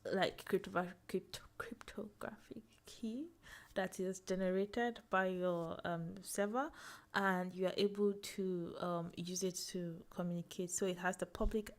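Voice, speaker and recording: A woman's voice: fairly low pitch, steady tone, measured pace. Woman talking through a cloud tutorial. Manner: thinking aloud, fillers and self-corrections, laughs at herself. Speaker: tech tutorial host. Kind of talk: casual screen-share walkthrough.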